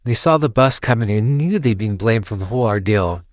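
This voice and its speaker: A man's voice: lowish voice, animated, a little fast, no echo. A man narrating a horror story, reading it aloud as a storyteller.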